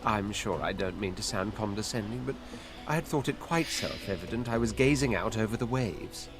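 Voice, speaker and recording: An actor playing a haughty, condescending exiled lizard prince in a video game, speaking in pompous, flowery phrases. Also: male voice, lowish voice, normal speed, lightly acted. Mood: condescending, courteous. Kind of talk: video game character acting. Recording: game music behind the voice.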